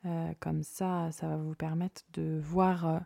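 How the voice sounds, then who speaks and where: A woman hosting her podcast in a relaxed, playful chat, pausing often with small hesitations, recorded in her parents' home office. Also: low-pitched, gravelly, dry recording, clean studio sound. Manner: chatty and playful, with frequent hesitations. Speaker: podcast host. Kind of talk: casual chat. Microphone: podcast mic without its usual arm.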